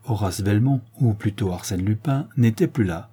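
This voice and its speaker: Male narrator, audiobook, measured, husky, lowish pitch. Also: warm tone. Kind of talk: audiobook reading.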